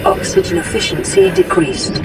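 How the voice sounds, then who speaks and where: A woman voicing a calm synthetic computer that watches over a diver's health and calls out status alerts in an even, clinical way. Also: very high-pitched, moderate pace, vocal fry, very noisy, heavily acted. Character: calm female computer voice of a diving suit, monitoring health. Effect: synthetic computer voice filter. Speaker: in-game assistant. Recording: distant game audio under loud music. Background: loud game music.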